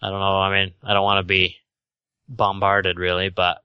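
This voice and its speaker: A man with a Utah accent giving casual, halting, tentative answers as an interview guest. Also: low-pitched, monotone, clear, resonant tone, no echo, dull audio.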